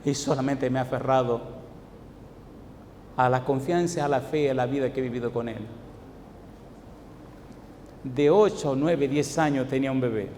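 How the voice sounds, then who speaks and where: A man's voice: medium pitch, normal speed, pauses often, a little mellow. A male pastor preaching a sermon, telling stories from his own life and pressing the congregation with rhetorical questions. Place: church hall. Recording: echoey hall, faint background noise.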